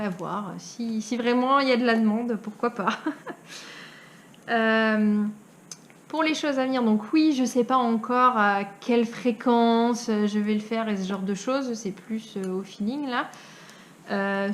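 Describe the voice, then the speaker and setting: A woman's voice: mid-range voice, a little hiss or hum. A young Frenchwoman from France chatting casually as a knitting vlogger, with many hesitations and frequent laughs. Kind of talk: casual chat.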